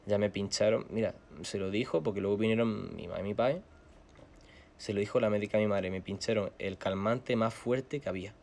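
A young man, telling a story casually as a guest, animated and slangy with frequent swearing. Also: lowish voice, a little fast, vocal fry.

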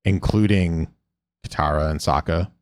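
A man with a low voice co-hosts a chatty podcast, walking through an episode and slipping into short voiced quotes of the characters. His sound is dry and close to the mic. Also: no room sound. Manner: retells scenes with quick voiced quotes and fillers. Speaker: podcast co-host recapping episodes. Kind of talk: casual chat, reading episode recap.

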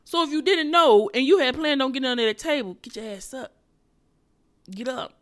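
Bright-voiced, profane comedian woman ranting. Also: high-pitched, fairly quick. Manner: loud, profane, animated storytelling with sudden drops to a whisper. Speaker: comedian podcast host. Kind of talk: solo comedic rant.

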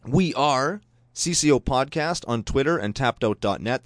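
A man co-hosting a podcast, casual and playful, reading out shout-outs with jokes. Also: no room sound, clean studio sound. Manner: playful, jokey, bursts into high exclaims. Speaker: podcast co-host.

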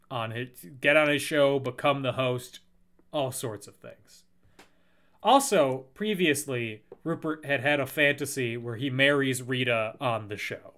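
A man co-hosting a casual podcast, recounting a film's plot and acting out lines from it. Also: mid-range voice. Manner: recounts plot, acts out quotes with lively jumps. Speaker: podcast co-host. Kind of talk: casual film recap chat.

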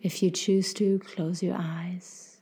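A woman hosts a guided meditation in a mellow, slightly low voice. She speaks very slowly and softly, with a gentle, soothing manner and little rise or fall. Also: little pitch movement, breathy edge. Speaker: podcast host and meditation guide.

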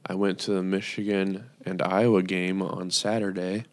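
A man's voice: deep voice, flat delivery, no echo. A young man co-hosting a casual podcast from home, hesitant and full of fillers. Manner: slow, hesitant, many fillers. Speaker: podcast co-host. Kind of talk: casual chat. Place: home, remote recording.

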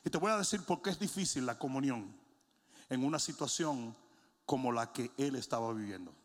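A middle-aged man preaching a sermon in a large church, telling funny stories and then shouting as he builds. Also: mid-range voice, expressive, normal speed. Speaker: pastor. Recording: long hall reverb.

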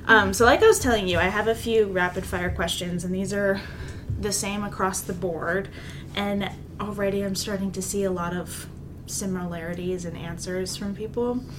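A woman in her twenties hosting a casual interview podcast, bubbly and quick to react. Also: mid-range voice, steady tone, noisy background. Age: 20s. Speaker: podcast host, real estate agent.

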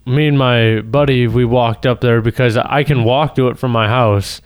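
A man's voice: mid-range voice, steady tone, moderate pace, smooth, no echo. Frat-bro young man, clean dry voice. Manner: frat-bro talk, slangy, heavy swearing. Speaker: podcast co-host. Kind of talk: casual banter and storytelling.

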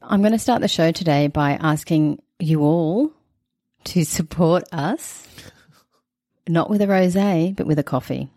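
A woman's voice: low-pitched, a little slow, dark tone, no echo, studio quality. A woman co-hosting a casual podcast, chatty and giggly as she recaps the episode. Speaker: podcast co-host.

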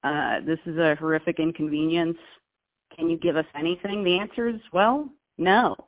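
Woman co-host calling in by phone: bad connection that keeps breaking up, tinny and dry, wry deadpan delivery. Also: low-pitched, moderate pace, dry recording. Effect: breaking-up phone line. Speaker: podcast co-host calling in from abroad. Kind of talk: casual chat.

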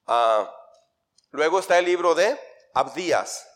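A middle-aged man with a Mexican Spanish accent teaching the Bible as a pastor, quizzing his congregation and answering himself, loud one moment and quiet the next. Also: fairly high pitch, animated, takes it slowly. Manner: swings between loud emphasis and quiet asides. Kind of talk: interactive Bible teaching sermon.

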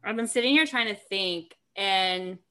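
Bright agreeable woman co-host. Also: mid-range voice. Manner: agreeable, quick affirmations. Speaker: podcast co-host, mother. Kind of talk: casual chat.

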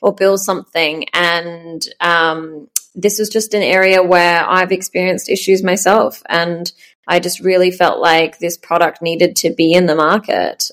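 A woman, a startup founder chatting in an interview, full of ums and soft laughs. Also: lowish voice, level tone, measured pace. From Australia. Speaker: startup founder, podcast guest. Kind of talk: casual interview chat.

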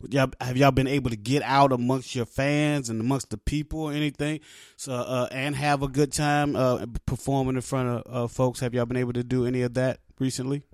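A man hosting a casual talk show interview, playful and quick to laugh, using relaxed slang. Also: medium pitch, no room sound, studio quality.

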